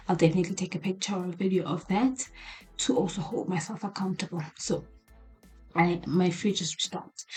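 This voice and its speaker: A woman's voice: lowish voice, slightly rough. A woman whispering a candid late-night diary vlog in a small apartment, rambling with many restarts. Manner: hushed whispering. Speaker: video diarist.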